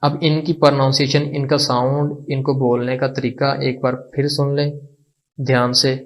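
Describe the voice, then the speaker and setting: A man's voice: mid-range voice, flat delivery, moderate pace, poor audio. A man teaching a language lesson. He repeats each word several times and asks questions before answering them himself. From Pakistan. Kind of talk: slow, repetitive lesson explanation.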